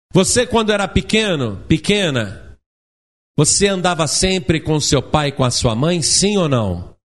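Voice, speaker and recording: A middle-aged man preaching a sermon, asking the congregation questions and acting out the voices of children and parents. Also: high voice. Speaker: pastor.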